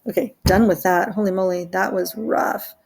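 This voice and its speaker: A woman walks through a math worksheet in a relaxed teaching voice with a creaky, gravelly edge. She is chatty and self-deprecating, joking about her own mistakes as she explains each step. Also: medium pitch, normal speed. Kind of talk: recorded worksheet walkthrough lesson.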